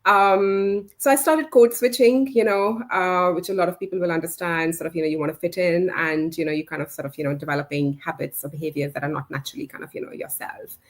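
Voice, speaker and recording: Speaking fast with few pauses, this woman in her forties has a fairly low, steady voice. She's a communications leader and interview guest, not a native English speaker, reflecting on her career in a live chat with plenty of fillers and restarts.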